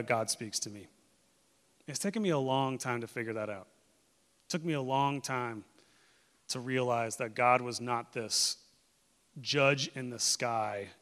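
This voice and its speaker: A male pastor preaches in an earnest, conversational way, shifting from loud emphasis to near-hushed pleas. His voice is bright and forceful at a middle pitch. A long reverb of the church sanctuary follows his words. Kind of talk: sermon.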